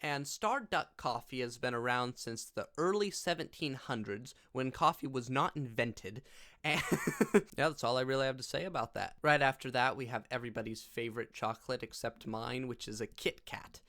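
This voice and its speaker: A man talking to camera in a casual reaction vlog, drifting from one silly aside to the next. His pitch sits in the middle range for a man. He chuckles often and keeps the chatter loose and offhand. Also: normal speed, pushed and bright. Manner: goofy and rambling, laughs often. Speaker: YouTuber.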